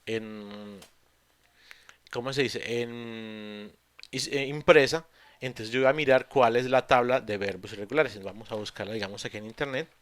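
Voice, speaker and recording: A man teaching English in an online class, explaining patiently step by step with pauses and fillers. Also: mid-range voice, steady tone, fairly bright tone. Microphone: computer mic on a video call.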